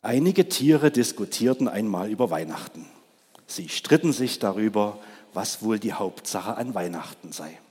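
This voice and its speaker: A man's voice: on the low side, expressive, moderate pace, darkish tone, husky. A man in his thirties preaching a Christmas sermon, asking the congregation questions. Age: 30s. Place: large church. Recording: long church reverb.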